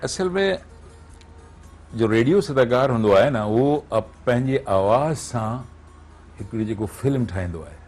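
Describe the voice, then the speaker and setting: A man's voice: mid-range voice, lively intonation, a little slow, a little mellow, soft background music. A man, a radio voice artist, explaining his craft step by step as a guest on a TV morning show and checking that he is understood. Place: TV studio.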